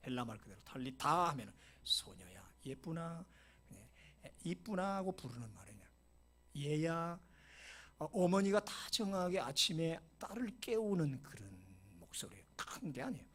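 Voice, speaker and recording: Husky-voiced pastor, whispering then exclaiming. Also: male voice, fairly high pitch, big pitch swings, brisk, few pauses. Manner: dramatic storytelling, shifting between soft whispers and loud exclamations; mixes in short English phrases. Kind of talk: sermon.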